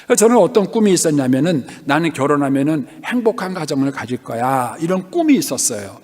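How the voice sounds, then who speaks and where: A man's voice: fairly high pitch, sing-song, quick pace, a little mellow. A middle-aged man preaching a sermon as a pastor, telling a personal story and asking the congregation questions. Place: church sanctuary. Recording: long hall reverb.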